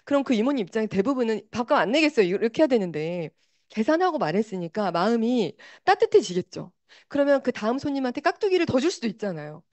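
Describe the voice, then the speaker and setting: A woman giving an animated motivational talk, speaking directly to her audience on a microphone. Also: a little high, fast, no room sound.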